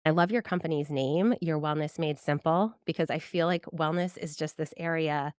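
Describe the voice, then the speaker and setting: A woman's voice: deep voice, fairly even intonation, moderate pace, darkish tone, dry recording, studio quality. A woman hosting a podcast, reading her intro and chatting with an upbeat, enthusiastic manner. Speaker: podcast host. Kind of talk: scripted intro and casual interview.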